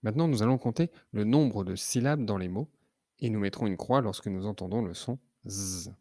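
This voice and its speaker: A man teaching children to read, sounding out syllables slowly and clearly. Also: lowish voice, mellow, no room sound, studio quality. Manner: slow, clearly articulated syllables. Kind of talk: reading lesson for children.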